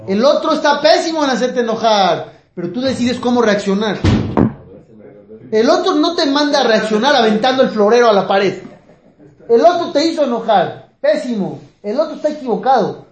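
A rabbi teaches a Torah class in an echoey room, his very high voice animated and at normal speed. He asks listeners questions and humorously acts out the characters in his stories.

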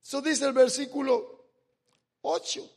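High-voiced slow emphatic male preacher. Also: steady tone, vocal fry. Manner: emphatic, swells loud on key words, then drops soft and intimate; addresses listeners as brother, repeats words. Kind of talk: sermon with Bible reading.

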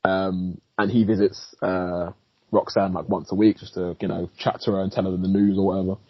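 A man co-hosting a podcast, giving a casual film review, animated, swearing freely and laughing often. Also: low-pitched, brisk, slightly rough, dry recording, muffled recording. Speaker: podcast co-host, film critic.

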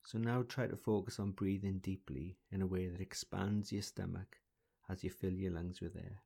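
A man leading a guided breathing exercise in a slow, soothing, deliberate voice, counting breaths. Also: low voice, little pitch movement, creaky, mellow, slightly rough. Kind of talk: calm guided relaxation exercise.

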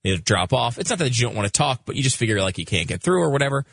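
A man's voice: mid-range voice, sing-song, rapid-fire, vocal fry, fairly bright tone, husky, no echo. A man co-hosting a talk radio show, chatting casually and explaining at length with many fillers.

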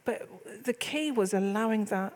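A woman's voice: mid-range voice, fairly even intonation, normal speed, a little mellow. A middle-aged woman, a church leader, hosting a casual faith discussion and telling candid personal stories. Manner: chatty, candid storytelling.

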